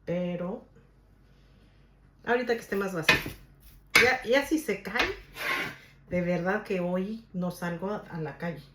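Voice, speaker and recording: A cooking video host from Guadalajara, speaking with a Mexican Spanish accent, demonstrates a recipe in her home kitchen and chats casually with viewers. Her voice is on the low side and a little slow, with long pauses, and she is chatty and stubborn, repeatedly asking "¿ok?" The room is echoey and there's background noise.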